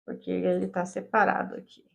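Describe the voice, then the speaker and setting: A woman's voice: lowish voice, flat delivery, moderate pace, vocal fry. A woman teacher explaining English grammar step by step, often checking in with her students. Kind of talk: classroom lesson explaining grammar.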